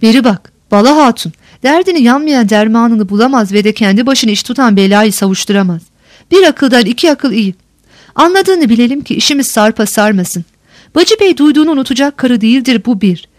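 A shrewd young woman presses her friend for the truth in an insistent tone, read aloud by a woman. The voice is fairly high and sounds dry and close. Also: lively intonation, a little fast, dry recording, close to an everyday voice. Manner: probing, insistent.

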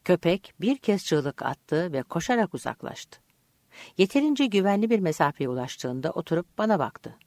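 Woman narrator, audiobook reading, low voice, lively pitch, dry close sound, calm and measured. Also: no room sound. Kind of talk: scripted narration.

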